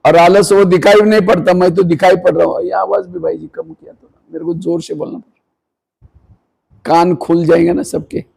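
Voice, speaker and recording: In a meditation hall, a man who teaches spirituality gives an earnest talk to a live audience, asking rhetorical questions and sometimes rebuking sleepy listeners. His voice is high-pitched, gravelly and darkish, level in tone at a moderate pace, and the audio is poor.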